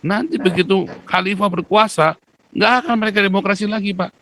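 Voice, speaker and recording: A man's voice: high-pitched, fairly even intonation, brisk, pushed and bright. A man talking as a guest commentator in a casual talk-show discussion, emphatic and rising sharply when he stresses a point.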